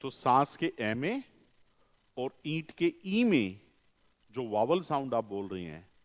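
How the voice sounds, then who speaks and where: A man's voice: medium pitch, very animated. A male phonetics teacher, lecturing and answering his own questions with repeated key terms. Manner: slows down for emphasis. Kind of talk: classroom lecture. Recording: long reverb, echoey room.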